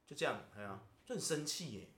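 A man's voice: mid-range voice, big pitch swings, fast talker, fairly bright tone. A man with a Taiwanese Mandarin accent, hosting a podcast and venting in casual chat, constantly asking "you know?". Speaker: podcast host. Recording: roomy echo.

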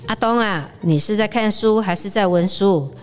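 Woman voicing a fussy mom, scolding, mid pitch, reverberant sound. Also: normal speed, darkish tone, slight background noise, lightly acted. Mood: nagging. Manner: scolding, fussing. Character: nagging, caring middle-aged mother.

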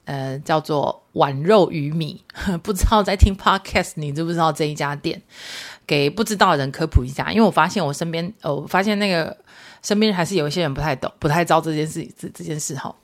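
A woman podcast host with a deep voice and a Taiwanese Mandarin accent talks briskly. She tells everyday stories in a chatty, casual monologue sprinkled with Hokkien phrases.

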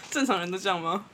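A young Taiwanese woman with a Taiwanese Mandarin accent, co-hosting a podcast and telling a story in a blunt, animated way, laughing often. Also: fairly low pitch, heavy background noise. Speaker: podcast co-host. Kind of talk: casual storytelling chat.

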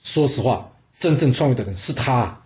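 A man voicing an ambitious prince who speaks in a measured, persuasive way. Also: mid-range voice, expressive, a little mellow, lo-fi sound, lightly acted. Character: ambitious male prince, calm and scheming.

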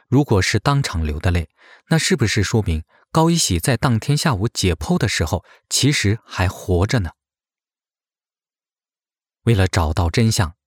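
A man's voice: on the low side, no room sound, clean studio sound. A man reading a grave, scripted investigative narration, posing suspicious questions.

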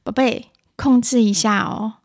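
A woman voicing a patient mother who talks calmly and reassuringly to her child. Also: a little high, measured pace, close to an everyday voice. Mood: soothing. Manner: calm, reassuring.

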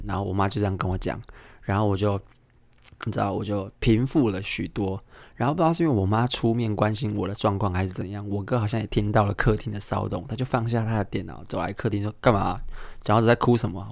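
A young man with a low voice and a Taiwanese Mandarin accent tells a story from his school days in a casual podcast monologue. He jumps into the voices of the people in his story with lively energy. The sound is close and dry, with no room around it. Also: gravelly, dry recording. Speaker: podcast host.

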